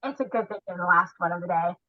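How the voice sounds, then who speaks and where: A woman's voice: lowish voice, fast, dull audio. A woman guest on a podcast chatting casually about grooming dogs, telling her stories animatedly and acting out the voices of the people she quotes. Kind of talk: casual storytelling chat.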